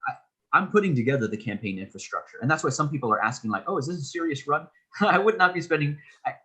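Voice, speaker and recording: A man's voice: a little high, expressive, fast, a bit bright, husky, poor audio. A man in his thirties, a political candidate being interviewed, explaining his views earnestly at length with frequent restarts. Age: 30s. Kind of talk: casual interview talk.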